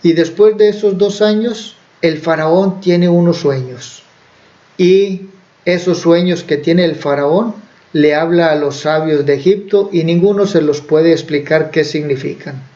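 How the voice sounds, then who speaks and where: A man's voice: fairly high pitch, a little slow, dark tone. A man preaching, who retells a Bible story in a conversational way with fillers and self-corrections. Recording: dull lo-fi recording.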